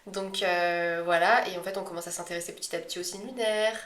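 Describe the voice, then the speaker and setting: A woman's voice: on the low side, fairly even intonation, a little fast, a bit bright. A woman co-hosting a podcast, talking in a casual, conversational way about herself and her views. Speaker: astrology podcast co-host. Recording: echoey room.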